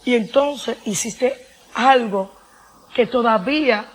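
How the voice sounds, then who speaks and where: A woman tells her personal testimony with deep feeling. She talks earnestly, circles back over her phrases and acts out the voices of the people in her story. A faint hiss sits under the recording. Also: takes it slowly. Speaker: guest giving a testimony.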